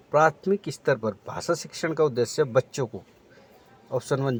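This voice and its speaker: A man's voice: mid-range voice, slight background noise. A man teaching exam preparation, reading out multiple-choice options and then explaining the right answer.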